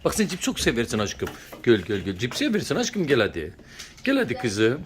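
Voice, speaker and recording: A woman's voice: extremely low pitch, huge pitch swings, brisk. A woman at home filming a casual vlog, coaxing and laughing as she calls to her pet. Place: home indoors.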